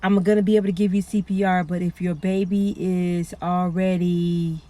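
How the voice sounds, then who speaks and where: A woman's voice: lowish voice, little pitch movement, moderate pace, mellow. A middle-aged woman, a 911 dispatcher talking casually and earnestly to her viewers. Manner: chatty, earnest, warns listeners with pleading repetition. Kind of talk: casual talk to camera.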